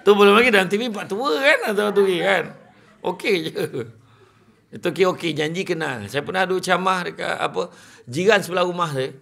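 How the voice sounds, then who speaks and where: Man, Malaysian accent, preacher, humorous talk, animated, bright forceful tone, slightly high voice. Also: fairly quick, gravelly. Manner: animated, chatty storyteller who often laughs while talking. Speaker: Islamic preacher. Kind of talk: humorous storytelling talk to a live audience.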